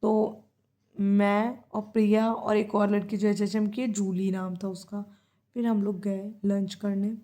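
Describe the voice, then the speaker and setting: A young Indian woman talks into a handheld phone camera about her day. Her voice sits at an ordinary middle pitch, and her chatty delivery keeps stopping to fix and reword her own phrases. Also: level tone, unhurried, mellow. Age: 20s. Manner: chatty, self-correcting, mixes in English phrases. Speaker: vlogger. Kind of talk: casual diary vlog.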